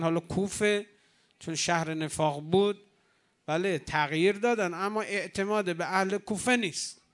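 A man preaching a religious sermon from the pulpit, emphatic and rising to exclamations, retelling old dialogues. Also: fairly high pitch.

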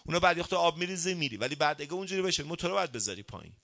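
A man giving a sermon, lively and conversational, asking his listeners questions and reciting Arabic sayings slowly before he explains them. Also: fairly high pitch, creaky. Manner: lively, questions the audience and urges answers. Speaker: cleric giving a religious talk.

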